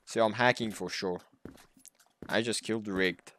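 A young man giving casual, excitable commentary while playing a shooter game, trash-talking and laughing often. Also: lowish voice, a little slow, slight background noise. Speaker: gaming streamer. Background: anime music.

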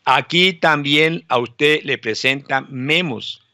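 A man's voice: fairly high pitch, slow, sharp tone, no echo, studio quality. A male pastor preaching a sermon emphatically, repeating phrases and asking rhetorical questions.

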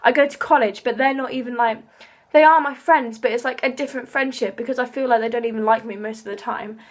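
Young woman, 18, high voice, tearful rambling vlog vent with casual swearing. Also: steady tone, fast. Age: young adult. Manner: emotional, rambling, swears freely. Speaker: vlogger. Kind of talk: casual venting to camera.

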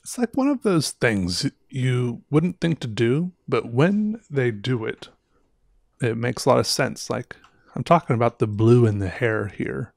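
With vocal fry and an expressive, unhurried delivery, a thirty-something man with a slightly sore throat rambles through casual livestream commentary on viewer art, interrupting himself chattily. His voice is mid-range. A headset boom mic in a small room captures clean studio-quality sound with no echo.

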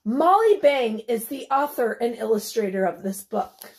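Teacher lady reading a kids book out loud, slow and kinda high, asks the kids questions. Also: sing-song. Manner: gentle, asks the children questions, drops to whispers. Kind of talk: children's read-aloud lesson.

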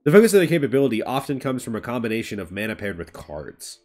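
Animated, blunt man arguing game strategy. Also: mid-range voice, fast talker. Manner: emphatic, blunt, swears freely. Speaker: podcast co-host. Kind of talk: casual strategy discussion. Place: home room. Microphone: video call.

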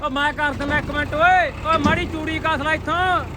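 A man with a Punjabi accent in casual vlog chat and loud rustic banter, calling out to his mates. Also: extremely high pitch, steady tone, moderate pace. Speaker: vlogger narrating night farm work. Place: outdoors in a farm field at night. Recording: loud engine and vehicle noise outdoors. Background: tractor engines running.

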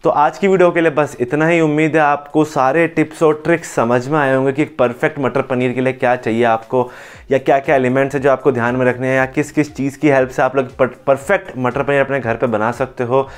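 A man's voice: medium pitch, steady tone, a little fast, clean tone. A young man hosting a cooking channel, explaining each step in a chatty, step-by-step tutorial voice-over. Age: young adult.

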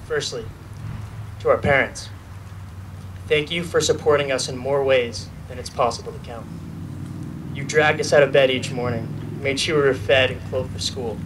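A young man who is just graduating delivers the student speech from an outdoor podium, reading from notes in an earnest tone with a few light jokes. His medium-pitched voice has fairly even intonation and a moderate pace. The podium mic is picked up by a distant camera, so the outdoor recording is noisy.

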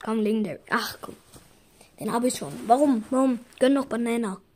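Young woman gaming, kinda high voice, hyped and muttering at the screen. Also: fairly quick. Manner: excited, talks to herself, pleading with the game. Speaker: gaming YouTuber. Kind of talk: casual gaming commentary.

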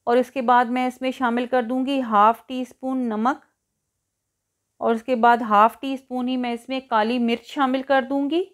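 In a voice-over for a cooking tutorial, a woman with a fairly high voice guides the listener through the method step by step. She's a cooking show host speaking instructionally at a normal speed, with little pitch movement.

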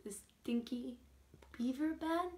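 A woman's voice: sits high, slow pace, mellow. A woman from Africa, playfully sounding out band names in casual chat. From South Africa. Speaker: guest reading a festival lineup.

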